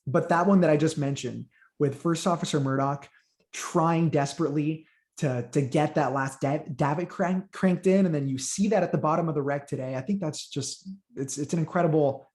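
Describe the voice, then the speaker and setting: A young Honduran man, a native Spanish speaker who creates Titanic content, chats eagerly as an interview guest in a casual conversation. His voice is a little high with a darkish tone at a moderate pace, and he often repeats words when beginning a thought.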